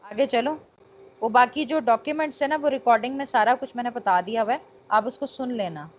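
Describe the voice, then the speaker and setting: A woman with a Pakistani accent gives an online law lecture, mixing English terms into her explanations and checking that students follow, using frequent tag phrases. Her voice is fairly high and brisk, and the online call audio is dull and noisy.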